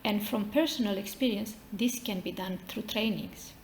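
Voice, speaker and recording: A woman's voice: medium pitch, normal speed. A woman from Romania with a Romanian accent, delivering a prepared formal speech as an association representative. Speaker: maritime association representative, speaker. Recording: roomy echo with faint noise.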